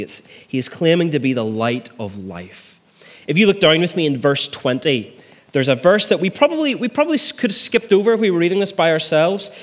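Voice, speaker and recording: Minister, middle-aged, earnest sermon delivery with emphatic peaks, mid-pitched voice. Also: male voice. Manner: earnest preaching, rising to emphatic peaks, repeats words when restarting.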